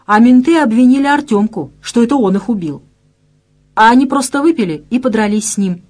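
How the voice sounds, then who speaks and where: A woman's voice: on the high side, animated, fairly quick, a little mellow, pitched above the performer's own voice. A woman reading an audiobook and voicing a brash, gossipy young female office designer. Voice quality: brash, slangy.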